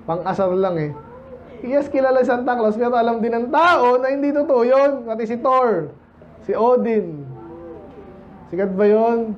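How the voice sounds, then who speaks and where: High-voiced man preaching casually. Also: unhurried, highs cut off, slight background noise. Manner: conversational, quizzes the congregation, mixes in English. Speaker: pastor. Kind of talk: sermon. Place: church service.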